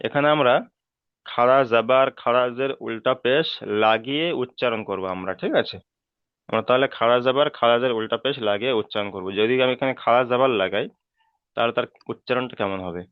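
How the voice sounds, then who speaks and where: A man's voice: medium pitch, fairly quick, clean tone, dry recording. A man teaching Quran letter pronunciation in an online class, patiently drilling each letter and often checking that students follow. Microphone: online call. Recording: dry, phone-like call audio.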